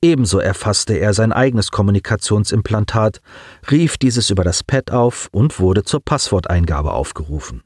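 A man narrating an audiobook in a lively, expressive reading style. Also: on the low side, normal speed, slightly rough, dry recording, studio quality.

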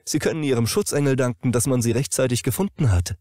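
A man voicing a brisk, kindly female hospital nurse in a spoken story, talking in a matter-of-fact way. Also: mid-range voice, mellow, no room sound, clean studio sound, pitched above the performer's own voice, lightly acted.

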